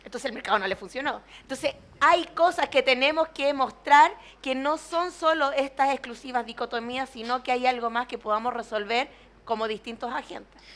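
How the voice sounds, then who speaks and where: Woman, party leader on a debate panel; high voice, earnest, restarts mid-thought. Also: normal speed, a bit bright. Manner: earnest, restarts often while building points. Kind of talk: public debate argument.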